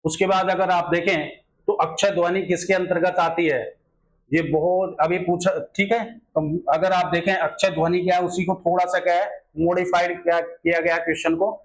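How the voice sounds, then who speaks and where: A man's voice: sits high, flat delivery, normal speed, low-quality recording. A male teacher solving exam questions in a grammar lesson, explaining step by step and often asking rhetorical questions.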